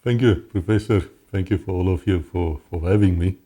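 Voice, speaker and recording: Speaking a little fast, a South African-accented man recounts his life as an interview guest, earnestly and with frequent restarts. It is personal testimony delivered conversationally. His voice sits low, with a dark tone.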